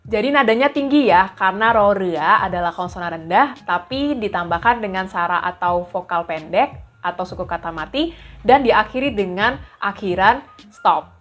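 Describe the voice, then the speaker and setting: A patient woman teaching a lesson, her voice at an ordinary middle pitch. She explains each rule step by step and repeats example syllables slowly for learners to copy. Faint music plays softly under her voice. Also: lively intonation. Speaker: language teacher.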